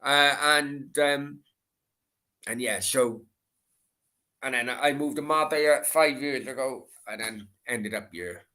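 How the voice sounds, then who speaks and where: Speaking slowly in a Welsh Valleys accent, this middle-aged Merthyr man hosts a laid-back late-night livestream answering football questions. His talk is sweary, rambling and repetitive, and his medium-pitched voice sounds pushed and bright.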